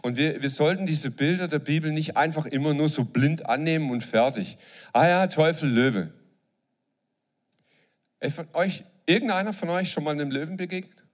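A man's voice: fairly high pitch, a little fast. A man preaching a sermon to a live congregation, joking and asking the audience questions. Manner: lively, jokes and asks the audience questions.

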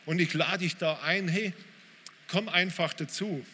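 A pastor preaching a sermon in a church hall, informal and direct, often calling out to listeners with "hey". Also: male voice, high-pitched, unhurried, pushed and bright. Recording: reverberant hall, faint room noise.

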